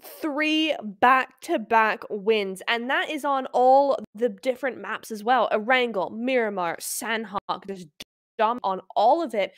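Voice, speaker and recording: A woman's voice: fairly high pitch, slow. A woman casting a live esports match, chatty and exclaiming as she reads out stats with her co-caster.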